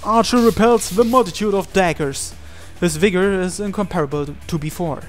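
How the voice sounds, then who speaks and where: A let's player gives a dramatic reading of a visual novel's on-screen text with music behind him. He has a high voice and keeps a moderate pace.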